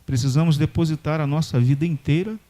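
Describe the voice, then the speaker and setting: A man's voice: on the high side, fairly even intonation, fast, mellow. A man with a Brazilian accent, a pastor preaching a sermon in church and telling a story with animation. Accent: Brazilian Portuguese.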